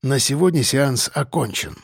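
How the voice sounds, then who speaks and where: A man's voice: mid-range voice, moderate pace, gravelly, breathy edge, dry recording, studio quality. A man reading an audiobook, voicing a nervous, irritable aging professor who talks hesitantly and defensively.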